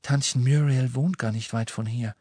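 Ein Mann, der in einem Hörbuch eine besorgte junge Frau spricht, die gedämpft redet. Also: male voice, medium pitch, steady tone, moderate pace, slightly rough, no room sound, natural voice. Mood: anxious. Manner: hushed. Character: young woman, anxious, quiet.

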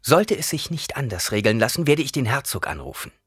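Raised high above his usual voice, this is a man doing a cold, imperious noblewoman from an audiobook, snapping out her orders. The tone stays husky and dry, with lively swings in pitch. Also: fairly quick, dry recording, exaggerated voice. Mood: commanding. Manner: sharp and imperious. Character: commanding noblewoman, proud and cold. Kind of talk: audiobook reading.

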